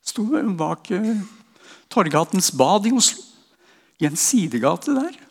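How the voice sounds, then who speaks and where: A man's voice: high-pitched, big pitch swings, vocal fry. An older man from Norway giving an earnest testimony and prayer as a preacher. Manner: earnest storytelling, ends in slow prayer. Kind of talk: sermon testimony. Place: church hall. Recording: long hall reverb.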